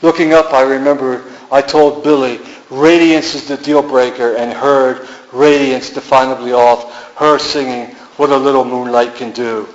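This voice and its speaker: A man reads his poems aloud in a gallery, his delivery musing and incantatory as the refrains come back around. His mid-pitched voice rings around a reverberant room. The recording is a little muffled and lo-fi. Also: fairly even intonation, normal speed, few pauses, a little hiss or hum. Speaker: poet. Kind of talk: poetry reading. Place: art gallery. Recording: echoey room, dull lo-fi sound.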